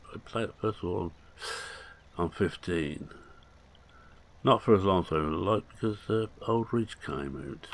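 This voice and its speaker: A man's voice: sits low, creaky. A man, chatting casually through gameplay commentary with rambling, jokey asides. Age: 60s. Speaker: gaming channel host.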